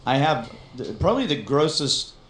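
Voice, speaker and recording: A man's voice: mid-range voice, big pitch swings, normal speed, reverberant, a little hiss or hum. A man co-hosting a casual chat, telling a joking anecdote in an easygoing way. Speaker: podcast co-host.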